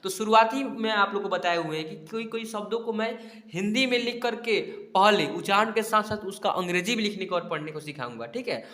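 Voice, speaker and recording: Echoey male teacher spelling words slowly. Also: high voice, pushed and bright. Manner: slow syllable-by-syllable spelling, frequent "ठीक है?" checks. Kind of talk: spelling lesson over a screen.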